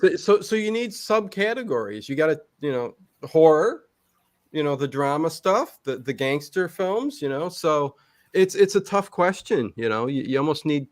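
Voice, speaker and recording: A middle-aged man speaks as a guest in a casual interview chat, his voice on the high side, very animated, and at normal speed. He talks emphatically and repeats words to stress his points.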